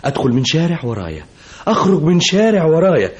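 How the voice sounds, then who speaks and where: An actor playing an anxious, excitable Egyptian husband who tells a story with great animation. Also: male voice, a little high, fast talker, lo-fi sound. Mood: agitated.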